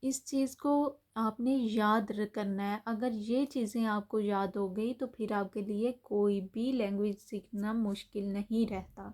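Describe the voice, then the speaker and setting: A woman's voice: medium pitch, steady tone, few pauses, darkish tone. A woman teaching a language lesson, patiently explaining letter sounds, often repeating herself with small fillers and restarts. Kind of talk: explaining German pronunciation lesson.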